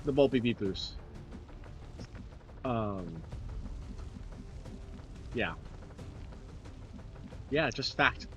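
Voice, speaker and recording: A man's voice: medium pitch, animated, very slow, long pauses, soft background music. Laid-back joking man streamer. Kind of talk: casual chat while playing a game.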